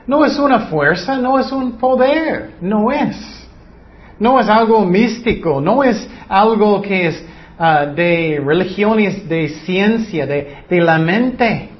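A high-pitched man delivers a Bible teaching at an unhurried pace, pressing his point with rhetorical questions and sarcastic imitations of other believers. The recording sounds a little dull and lo-fi. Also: animated. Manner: mimics mocking quotes of others. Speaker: preacher.

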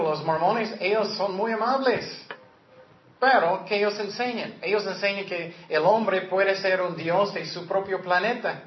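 A man preaching a sermon as a pastor, earnest and direct, sometimes acting out the voices he quotes. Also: high voice. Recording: echoey, dull lo-fi room recording.

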